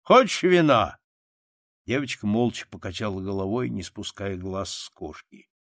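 A man narrating a literary short story in a calm, measured audiobook reading. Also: lowish voice, dry recording, clean studio sound.

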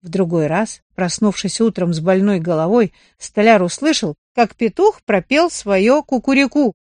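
A woman narrating a children's story in an animated, expressive storybook reading. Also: medium pitch, moderate pace, dry recording.

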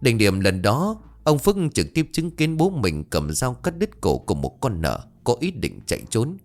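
A man narrating a ghost story in an expressive, dramatic way. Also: medium pitch, moderate pace.

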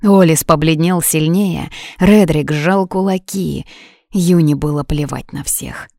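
A woman reads an audiobook in a measured, expressive manner. Her voice sits very low for a woman, and the recording is close and completely dry. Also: creaky, no room sound. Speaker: audiobook narrator. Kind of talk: dramatic audiobook narration.

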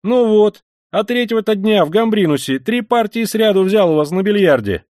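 A man reading an audiobook, voicing an excitable young law student who talks loudly and insistently. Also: fairly high pitch, no room sound, studio quality, voice pushed up. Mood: eager, urgent. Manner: loud, quick, insistent.

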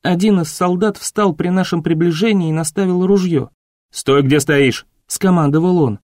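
A man narrating an audiobook in a measured, expressive reading. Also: high-pitched, no room sound, studio quality. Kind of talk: scripted narration.

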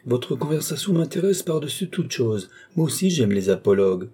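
A man voicing a proud young duke talks earnestly and defensively to his uncle in an audiobook. The voice is dark and husky, and it stays close to the reader's own. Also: medium pitch, very animated, moderate pace. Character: proud anxious duke, nephew. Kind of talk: audiobook character reading.

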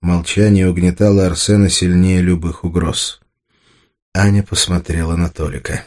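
A man with a low voice reads an audiobook. His narration is steady and measured.

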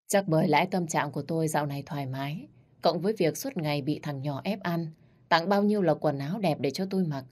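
A woman narrating a first-person audiobook story in a calm, reflective way. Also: sits low.

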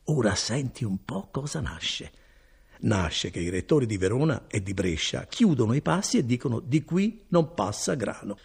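A man's voice: normal speed, creaky, husky, exaggerated voice. A man voicing a good-hearted, talkative male cousin and foreman in an audiobook reading. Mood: chatty. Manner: chatty and animated, swinging between high and low.

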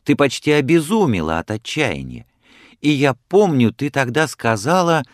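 A man reading aloud voices a bold, defiant, stubborn nineteen-year-old son who argues insistently with his mother, pitching his natural, mid-range voice above his own. The delivery has big pitch swings at a moderate pace, in a dry, clean studio recording.

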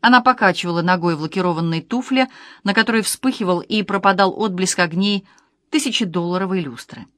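A woman narrating an audiobook with expressive, ironic delivery. Her voice sits on the low side, and the recording is dry and close, with no room around it. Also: brisk, no room sound. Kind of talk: scripted narration.

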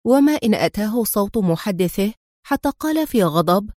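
A woman narrating an action story in a steady, dramatic reading voice. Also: medium pitch, moderate pace, no echo, clean studio sound.

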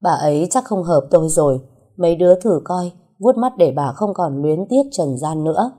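A solemn older man, a gang elder who speaks with grave authority, voiced by a woman narrating a story. The voice is low and husky, with a dark, mellow tone. He speaks in measured, weighty lines. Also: animated. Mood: grieving.

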